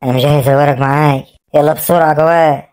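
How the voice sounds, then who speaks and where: A woman with an Egyptian accent voicing a hard-hearted mother who scolds her mourning children in an animated drama. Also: deep voice, fast, natural voice. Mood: scolding. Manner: cold, scolding.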